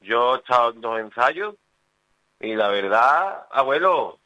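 A man's voice: mid-range voice, lively intonation, a little slow, pushed and bright. A man calling in to a radio show, speaking earnestly over a phone line that sounds far away. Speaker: caller. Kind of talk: phone-in chat.

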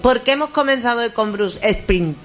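A woman's voice: a little high, expressive, fairly quick, soft background music. Chatty sixtyish woman radio host. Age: 60s. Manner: chatty, playful, restarts and repeats words. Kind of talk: live radio chat. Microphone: studio microphone.

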